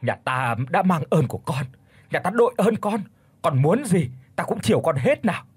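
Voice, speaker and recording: Man playing old landlord, wailing and pleading, raised pitch. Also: very animated, normal speed, husky, exaggerated voice. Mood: grateful.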